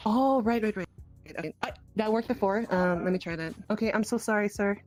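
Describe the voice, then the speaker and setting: Hosting a virtual-reality roleplay livestream, a woman chats casually but sounds flustered, apologetic, and hesitant. Her medium-pitched voice is a little mellow and fairly quick, with music playing in the background.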